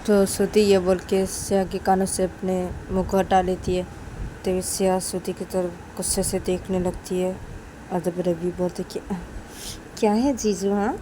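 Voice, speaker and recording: A woman's voice: lowish voice, completely flat delivery, moderate pace, background noise. A woman narrating a spoken story casually, with plain, repetitive linking phrases between lines of dialogue.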